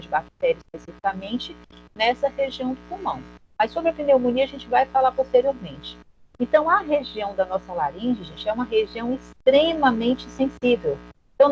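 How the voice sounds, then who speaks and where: A woman's voice: on the high side, muffled recording. A woman with a Brazilian Portuguese accent giving a recorded anatomy lesson, often asking her audience a question and then answering it herself. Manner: explanatory, asks questions and answers them, often adds "tá?". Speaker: teacher.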